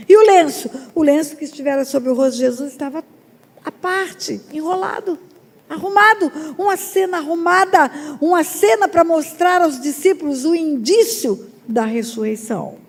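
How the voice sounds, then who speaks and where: Woman pastor, sermon, high voice, long hall reverb. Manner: emphatic preaching with sudden loud rises and drawn-out words.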